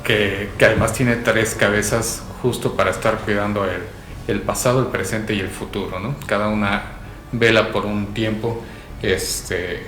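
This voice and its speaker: A man's voice: fairly low pitch, fairly even intonation, measured pace, a bit bright, a little hiss or hum. A man, chatting thoughtfully on a paranormal talk show, often ending with tag questions. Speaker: podcast co-host. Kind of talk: casual panel chat. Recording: echoey room with music behind.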